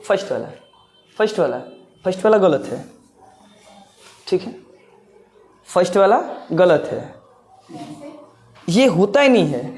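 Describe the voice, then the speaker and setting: A man's voice: sits high, big pitch swings, a little slow, long pauses, a little mellow. A male teacher giving a grammar lesson, explaining step by step with repeated words and rhetorical questions.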